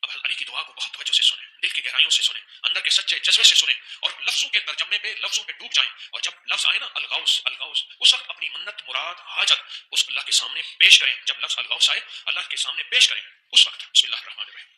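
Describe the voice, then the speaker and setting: A man preaching a sermon, repeating phrases with feeling and slowly chanting prayers. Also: fairly high pitch, lively intonation, bright, forceful tone, rough recording. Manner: emotional, repetitive preaching, slow chanted prayers. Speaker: religious speaker. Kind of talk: sermon with recitation.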